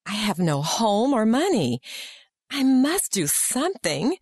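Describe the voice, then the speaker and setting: A woman's voice: on the high side, very animated, slow, a little mellow, breathy edge, no echo, clean studio sound, full character voice. A woman reading an audiobook, voicing an anxious young woman pleading her case.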